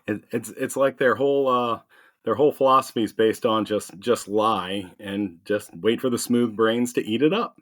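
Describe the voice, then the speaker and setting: A man's voice: lowish voice, moderate pace. A man co-hosting a casual satirical news podcast, making wry jokes with hesitant starts. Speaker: podcast co-host.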